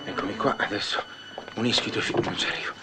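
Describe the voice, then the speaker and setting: A man's voice: on the low side, steady tone, quick pace, loud music behind the voice, lightly acted. An actor playing a timid, bumbling man who stammers, mumbles to himself and fawns over his boss. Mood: fussing. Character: bumbling, timid middle-aged man, eager to please. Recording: noisy film soundtrack.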